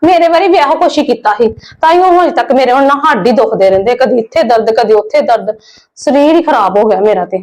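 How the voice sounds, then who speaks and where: A woman's voice: on the high side, animated, fast talker, darkish tone, lightly acted. A woman playing a protective elder sister-in-law. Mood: insistent. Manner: firm, reassuring, insistent.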